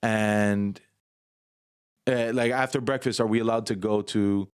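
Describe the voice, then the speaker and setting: A man co-hosting a casual podcast, an animated storyteller who swears and slips into funny voices. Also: on the low side, unhurried, clear, resonant tone. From Cuban-American, Miami. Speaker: podcast co-host.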